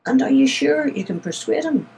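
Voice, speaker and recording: A commanding, impatient lady of the manor who snaps her questions loud and sharp, as a woman reads her part aloud. The voice sits a little higher and louder than the reader's own low, gravelly, mellow tone. It has a storybook feel. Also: expressive, moderate pace, a little hiss or hum, heavily acted, rough recording. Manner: brusque, demanding. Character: imperious, impatient upper-class landowning woman.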